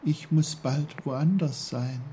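A tiny, gentle snowdrop flower speaks in a soft, high, hesitant voice, as a man narrating a storybook puts her on. Her lines come slowly, with a mellow, warm tone. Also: slight background noise. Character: small delicate female snowdrop flower, gentle.

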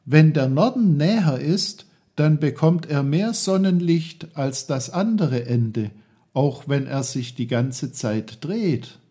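A man voicing an eager, curious young boy in a storybook reading, excited and full of questions. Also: fairly high pitch, takes it slowly, husky, voice pushed up, full character voice.

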